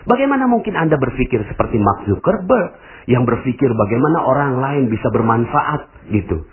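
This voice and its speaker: A man delivers a motivational religious talk to his audience. His pitch swings widely as he preaches, and he slips into other people's voices to act out what they say. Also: normal speed, a crowd in the background, poor audio. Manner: animated, acts out quoted voices, addresses audience directly. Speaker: Islamic preacher.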